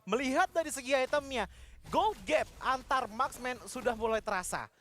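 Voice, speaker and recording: A man's voice: extremely high pitch, moderate pace, bright, forceful tone, a little hiss or hum. A man with an Indonesian accent giving fluent, detailed esports commentary and explaining the state of play. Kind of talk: game commentary and analysis.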